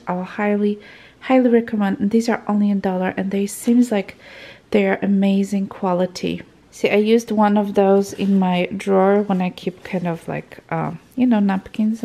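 Chatty giggly woman with a gravelly edge. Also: mid-range voice, darkish tone. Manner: chatty, giggly, self-deprecating. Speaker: home organization vlogger. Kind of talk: casual vlog chat. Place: home laundry room and kitchen. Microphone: handheld camera, off-screen.

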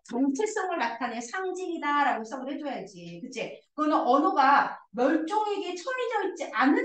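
A woman teaching a high school English class, explaining a passage and coaxing her students with constant questions. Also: fairly bright tone, echoey room, recorded from a distance, rough recording. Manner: coaxing, asks students questions and answers herself.

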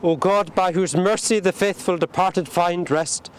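A man leading a burial service outdoors at a cemetery, reciting the prayers in a solemn, measured way. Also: high-pitched, clear, resonant tone. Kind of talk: liturgical graveside prayer.

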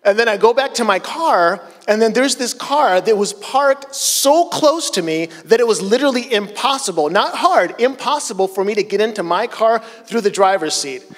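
A middle-aged pastor preaching a casual sermon on a church stage with a handheld mic, telling personal stories in a conversational, self-deprecating way. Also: male voice, sits high, lively intonation, moderate pace, few pauses. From Chile. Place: church stage, large hall. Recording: long church hall reverb.

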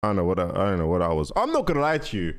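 His voice sits low but swings hugely in pitch as he races through rambling, slang-filled reaction commentary. This reaction video host, a man in his twenties, is close on a desk microphone with a headset on in a small carpeted indoor room.

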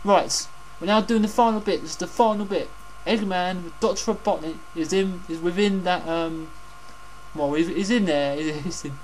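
A man's voice: high-pitched, normal speed, a little hiss or hum, poor audio. A man hosting casual game commentary, rambling and repeating his phrases, with some swearing. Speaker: gaming host.

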